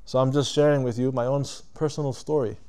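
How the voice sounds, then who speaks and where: Speaking in a clean, dark, medium-pitched voice with fairly even intonation, a man delivers a reflective religious lecture before a live audience. His style is conversational and deliberate, with questions put to listeners and stops to rephrase.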